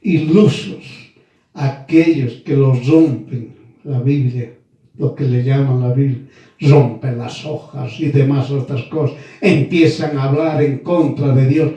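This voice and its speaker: A man preaching a sermon, slow and emphatic, repeating key phrases and addressing his listeners as brothers and sisters. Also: medium pitch, fairly even intonation, mellow. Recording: very echoey room, voice from far off.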